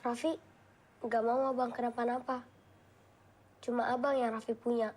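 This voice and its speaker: A woman's voice: on the high side, little pitch movement, normal speed, darkish tone, close to an everyday voice. A woman playing a loyal, quarrelsome younger sister. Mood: tender. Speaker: younger sibling. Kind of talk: comedy film acting.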